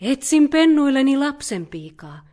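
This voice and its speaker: Give me a woman playing a brisk, choosy mother bear in a read-aloud story. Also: high-pitched, sing-song, mellow, pitched above the performer's own voice.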